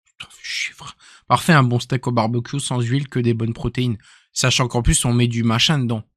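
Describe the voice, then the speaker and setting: A man's voice: medium pitch, level tone, a little fast, fairly bright tone, dry recording, studio quality. A young man from northern France with a northern French accent, chatting casually and jokily on a live stream, often trailing off into mutters. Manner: rambling, jokey, trails off into mutters.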